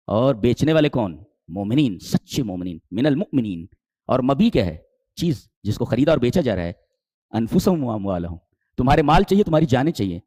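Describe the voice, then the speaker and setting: A man preaching a sermon in with Quranic exegesis, asking rhetorical questions and climbing to emphatic high peaks before dropping low. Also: dark tone, no echo, clean studio sound. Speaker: Islamic preacher.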